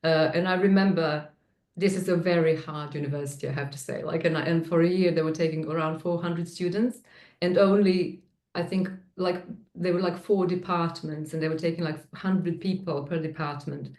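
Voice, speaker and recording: A woman's voice: fairly low pitch, steady tone, normal speed, darkish tone, echoey room. A woman from Serbia with a Serbian accent, a guest in a casual interview, talking with many fillers and restarts and laughing easily. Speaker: guest, tech manager.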